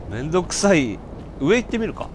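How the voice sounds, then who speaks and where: A man giving casual let's-play commentary, breaking from muttered asides into loud startled outbursts. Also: fairly high pitch, slight background noise.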